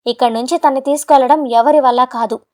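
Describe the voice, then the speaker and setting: A contemptuous, hot-tempered young husband barks his words fast and loud, as a woman narrator puts him on. The voice sits high and light for a man, with a storybook reading feel. He sounds scornful and short-fused throughout. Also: fairly even intonation, natural voice. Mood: angry threatening. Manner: shouting, contemptuous, rapid.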